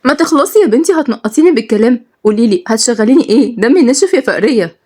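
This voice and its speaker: A woman's voice: on the high side, animated, rapid-fire, darkish tone. A woman with an Egyptian accent voicing a young woman on the run, anxious and dramatic. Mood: fretful. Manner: dramatic and fretful.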